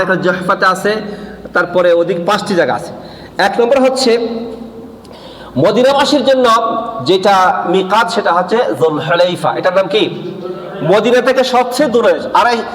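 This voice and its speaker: A male preacher teaches in a high voice, putting questions to his listeners and then answering them. He drills the points by repeating them. The sound rings with a long reverb, as if in a large hall. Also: a bit bright. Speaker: Islamic preacher. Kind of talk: sermon-style religious lesson.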